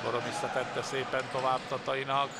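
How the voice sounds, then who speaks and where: A man with a Hungarian accent giving excited live futsal commentary, exclamatory in manner. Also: mid-range voice. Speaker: sports commentator. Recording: loud sports hall noise behind. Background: indoor sports hall ambience, bouncing ball.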